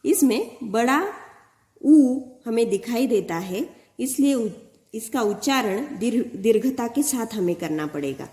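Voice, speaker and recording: A woman teaching Hindi to primary school children in a recorded lesson, reading words out slowly and carefully, sounding out syllables one by one. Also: a little high, lively intonation, mellow. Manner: slow, careful word-by-word reading, stretching out syllables. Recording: echoey room.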